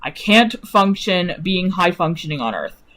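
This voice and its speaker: A woman's voice: on the low side, sing-song, unhurried, a bit bright, pitched below the performer's own voice. A woman voicing Eric, an earnest, tired young man who pleads with a coworker. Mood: earnest pleading. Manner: pleading, apologetic.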